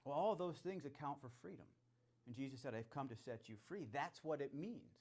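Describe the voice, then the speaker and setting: A man's voice: medium pitch, animated, fairly quick, darkish tone. Enthusiastic man hosting a charity evening. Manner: enthusiastic, conversational, repetitive phrasing. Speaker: host of a charity celebration. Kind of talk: welcoming address and faith talk.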